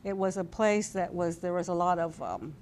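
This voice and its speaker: An interview guest in her sixties, a Californian woman with an American accent, reminisces in a casual, hesitant manner at a desk in an indoor TV studio. Her voice is fairly low and a little mellow, with fairly even intonation and normal speed. The lapel mic picks up slight background noise.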